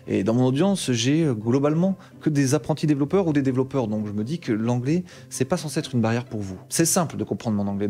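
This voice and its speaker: Speaking to camera in a mid-range voice, a man with a Bordeaux accent presents tech content on YouTube. His delivery is casual, lively, and slangy, with a hint of exasperation.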